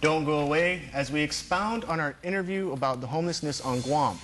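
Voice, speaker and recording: A man's voice: a little high, brisk, fairly bright tone, a little hiss or hum. A man hosting a TV news interview, reading formal introductions. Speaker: TV news host. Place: TV studio.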